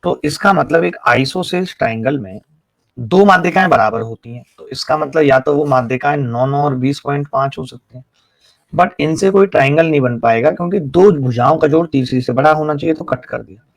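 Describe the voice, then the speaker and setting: Gravelly Hindi-speaking math teacher. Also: male voice, a little high, brisk, no echo. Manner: explains step by step, teases students with jokes. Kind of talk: live online math class.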